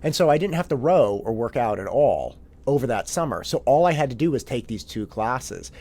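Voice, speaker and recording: A man hosts a podcast interview in an easy, conversational way. He chats casually and drops quick asides while he tells his own story. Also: mid-range voice, sing-song, warm tone. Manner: chatty, reacts with quick asides. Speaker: podcast host.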